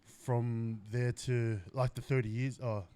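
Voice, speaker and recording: A man's voice: medium pitch, level tone, slow, mellow, clean tone, no room sound. A man hosting a podcast interview, chatty and eager, often saying "like" and "you know what I mean.". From Australia. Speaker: podcast host. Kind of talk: casual interview chat. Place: indoors at a company's headquarters.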